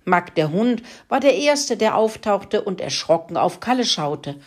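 A woman reading a children's farm-animal story aloud in a slow, lively storybook manner. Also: mid-range voice.

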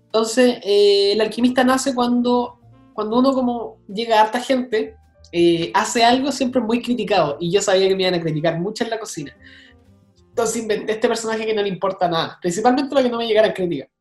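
A young man with a Chilean accent, a guest telling stories in a casual interview, full of slang and quick asides. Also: high voice, echoey room, soft background music. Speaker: guest, content creator.

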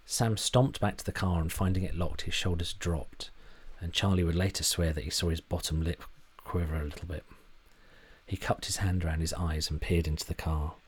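Deep husky male storyteller. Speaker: narrator. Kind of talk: storybook narration.

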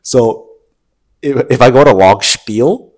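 A little slow and medium-pitched with a darkish tone, the young man's voice is nasal from allergies blocking his nose. As a podcast co-host in a casual chat, he rambles, laughs frequently and restarts his sentences.

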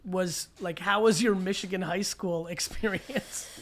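Enthusiastic man as host, quick energetic questions in a relaxed interview. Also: high voice. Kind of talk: casual interview chat.

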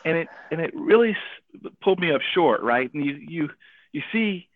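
Animated man telling a story over radio. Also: on the high side, moderate pace, dry recording. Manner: animated storyteller, acts out quoted voices, fills with "right?". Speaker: storyteller sharing a faith lesson. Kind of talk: casual radio talk. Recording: tinny phone-like radio audio.

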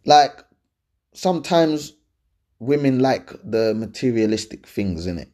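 A man's voice: mid-range voice, lively intonation, a little slow, mellow. A man with an urban London roadman accent hosting a casual advice podcast, speaking colloquially and emphatically, often repeating points and checking that the listener follows. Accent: London, urban roadman slang. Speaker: podcast host answering listener questions.

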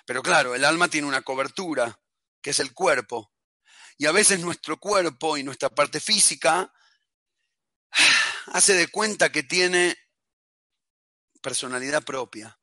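Argentine male rabbi, storytelling talk, bright forceful tone, slightly high. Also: unhurried, long pauses, no echo. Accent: Argentine Spanish. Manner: animated, colloquial, emotional.

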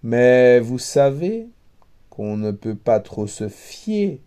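A man narrating a fairy tale aloud in a measured, wry storytelling manner. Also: mid-range voice, very animated, dark tone, clean tone. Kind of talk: storybook reading.

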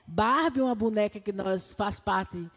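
A woman's voice: mid-range voice, unhurried. A Brazilian-accented woman in her fifties, a congregant raising an earnest question in a Bible class, with many fillers. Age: 50s. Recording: echoey church hall.

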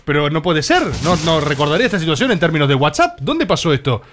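A man with a Rioplatense Spanish accent hosting a comedic radio chat, reacting with animated, excitable bursts. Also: a little high, fast talker, a little hiss or hum. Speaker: host.

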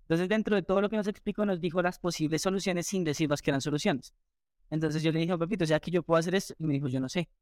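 Fast-talking man telling a story. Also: a little high, no room sound, studio quality. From Colombia. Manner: fast, animated retelling with acted quotes. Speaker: entrepreneur guest. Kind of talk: storytelling in an interview.

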